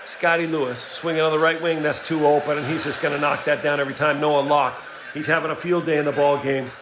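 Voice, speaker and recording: Energetic male basketball play-by-play caller. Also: a little high, quick pace, background noise. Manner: energetic, rising excitement on big plays. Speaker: play-by-play commentator. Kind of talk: play-by-play sports commentary. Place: home setup, voice-over for a replayed game.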